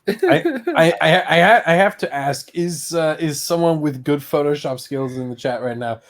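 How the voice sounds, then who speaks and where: A man's voice: a little high, moderate pace. A young man in his twenties co-hosting a casual livestream chat, hesitant and stammering, laughing often. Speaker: co-host.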